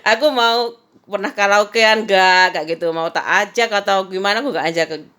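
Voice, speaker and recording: A woman's voice: medium pitch, moderate pace, fairly bright tone, clear, resonant tone. A woman, chatting casually in a daily home vlog and telling stories. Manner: chatty storytelling, frequent "kayak gitu" and laughter. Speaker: vlogger.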